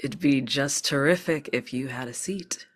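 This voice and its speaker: With a bass voice, a woman reads the part of a corporate orientation facilitator at a table read: stoic yet politely chipper, procedural, brisk and artificially courteous. She sounds pleased and formal.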